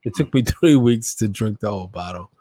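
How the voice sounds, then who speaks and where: A man's voice: fairly low pitch, lively intonation, brisk, warm tone, dry recording, studio quality. A man in casual chat, easygoing, often restarting his sentences.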